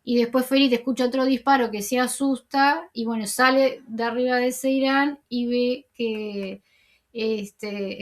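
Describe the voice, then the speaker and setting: High-voiced woman recapping TV scenes. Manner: rambling, many fillers and self-corrections. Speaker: TV series commentator.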